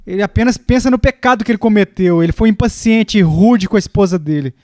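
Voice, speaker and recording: High-voiced man preaching in a dry room. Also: fast, a little mellow, dry recording. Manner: storytelling with acted quotes, rising pitch in the quoted lines. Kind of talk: sermon.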